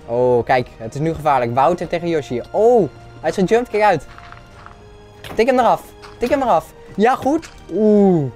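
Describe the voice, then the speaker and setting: A man's voice: high-pitched, animated, normal speed, darkish tone, faint music behind. Man calling game play-by-play. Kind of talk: casual game commentary.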